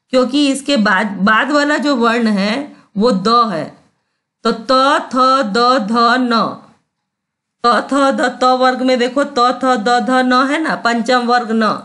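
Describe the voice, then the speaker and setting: A woman's voice: high-pitched, a bit bright. A woman teacher giving a grammar lesson, patient, repeating sounds and often checking that students understand.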